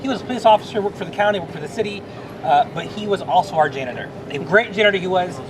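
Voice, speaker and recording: Earnest high-voiced man, noisy rumble. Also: lively intonation, very fast. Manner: earnest, emotional, rambling with restarts. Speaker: Salvation Army officer. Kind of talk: casual chat.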